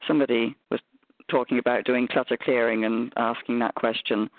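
A man's voice: mid-range voice, flat delivery, a little fast, dry recording. A man rambling in casual chat on a group phone call. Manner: rambling, chatty. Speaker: call participant. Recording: tinny phone line.

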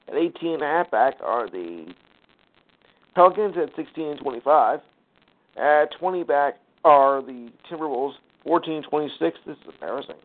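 A man hosting a sports talk show, reading out scores and standings with casual asides and lots of fillers. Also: a little high. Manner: rattles off numbers with fillers, sighs and quick asides. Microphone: phone call line. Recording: tinny phone-line audio.

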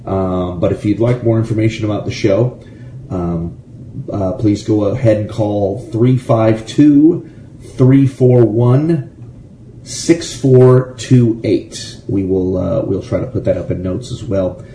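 A radio show host and musician from Gainesville, Florida reads trivia on his casual show, adding rambling, jokey asides. His fairly low voice is warm and slow, and the roomy, echoey recording carries faint background noise.

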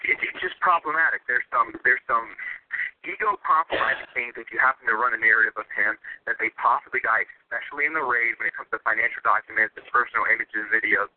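A man giving intense, conspiratorial political commentary as a guest, emphatic and repeating phrases for stress. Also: mid-range voice. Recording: narrow tinny telephone line.

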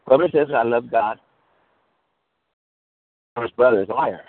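A man's voice: medium pitch, normal speed, no room sound. A male pastor preaching a sermon over a call, checking in with his listeners and restarting phrases as he goes. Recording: tinny call line that breaks up.

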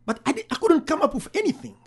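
A man's voice: very high voice, big pitch swings, quick pace. A man, a pastor, earnestly telling his story in an interview, often repeating phrases. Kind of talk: interview testimony.

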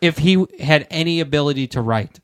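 A man's voice: fairly high pitch, a little fast, clear, resonant tone. A man co-hosting a podcast, blunt and dismissive in a casual debate chat, swearing freely. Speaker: podcast co-host.

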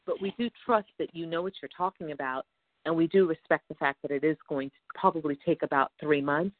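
A woman's voice: deep voice, brisk, dry recording. A woman on a phone call, talking anxiously in long, rambling stretches. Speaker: caller seeking advice. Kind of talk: phone conversation. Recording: tinny phone line, dry.

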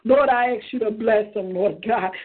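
A woman's voice: fairly high pitch, normal speed. A woman leading a fervent spontaneous prayer in a rhythmic chant, punctuating every phrase with "Lord God". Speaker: prayer leader on a prayer line. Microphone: phone. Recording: tinny phone line.

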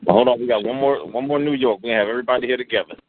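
A man casually hosting a call-in, halting and repeating his words. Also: mid-range voice. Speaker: host of a call-in show. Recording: noisy muffled phone line.

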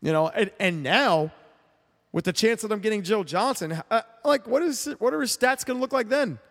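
A man hosting a sports talk show, with a somewhat high voice and a blunt, opinionated delivery. He rambles, restarts and repeats words. The recording has a long, echoing reverb. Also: expressive, moderate pace, a bit bright.

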